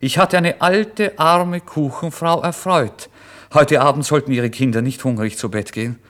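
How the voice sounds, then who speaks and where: In a German radio play, an actor with a fairly high male voice narrates in the first person as a destitute, tormented young man confessing his story, feverish and exalted. The delivery is intense and brooding, lightly acted at normal speed, swinging between whispers and loud outbursts.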